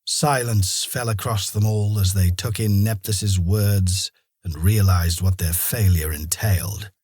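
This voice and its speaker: A man narrating a fantasy audiobook in a steady storytelling manner. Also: deep voice, measured pace, breathy edge, no room sound, clean studio sound. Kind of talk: scripted narration.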